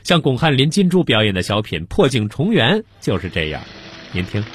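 Husky male host. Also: mid-range voice, big pitch swings, moderate pace. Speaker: radio host. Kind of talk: radio commentary.

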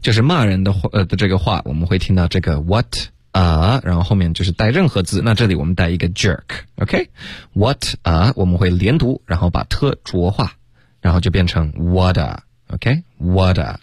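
A deep-voiced man co-hosting a radio English lesson, explaining pronunciation patiently and moving easily between Chinese and fluent English. His voice sits very low and is recorded dry and close. He laughs easily between points. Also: expressive, brisk, darkish tone, husky, dry recording. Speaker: English teacher, co-host.

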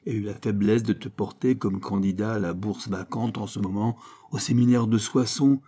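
A man voicing a furious old priest schoolmaster in an audiobook, shouting heavy-accented scolds. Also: mid-range voice, close to an everyday voice.

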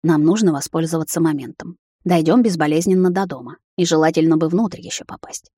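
A composed, courteous vampire lord, read by a woman, speaking slowly and a touch lower than her usual voice. It is recorded close and dry. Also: breathy edge, no room sound. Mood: calm. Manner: measured, quiet and courteous. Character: calm, protective male vampire lord.

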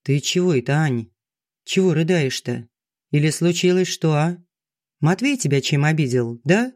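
A man reading an audiobook, voicing a grumbling, sharp-tongued middle-aged village woman who teases her friend. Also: fairly high pitch, animated, normal speed, no room sound, studio quality, close to an everyday voice. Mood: concerned. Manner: gruff and teasing. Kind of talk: audiobook dialogue.

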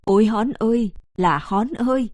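A woman's voice: on the high side, normal speed, darkish tone, dry recording, clean studio sound, close to an everyday voice. Casting: a woman playing an elderly mountain mother in grief, wailing lament, storybook reading.

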